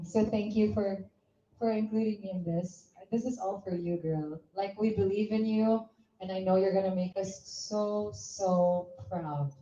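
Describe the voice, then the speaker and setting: A woman's voice: mid-range voice, dark tone, slight background noise. A woman, a former beauty queen, gives an effusive, emotional tribute speech at an event and slips in Tagalog phrases. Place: event venue. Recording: echoey hall, slightly dull sound.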